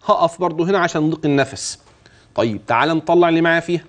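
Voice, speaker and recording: A man with an Egyptian Arabic accent teaching Quran recitation in a TV lesson. He draws out verses slowly and melodically, then explains them in quick, chatty colloquial speech, asking and answering his own questions as if coaching a student. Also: fairly high pitch. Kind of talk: tajweed lesson for a religious TV channel.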